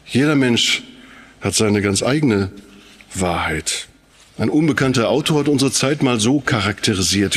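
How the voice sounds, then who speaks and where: A German-speaking man from the Sauerland region gives a sermon-like public talk in a mid-range voice. He preaches with rhetorical emphasis, pressing his points through repetition and questions.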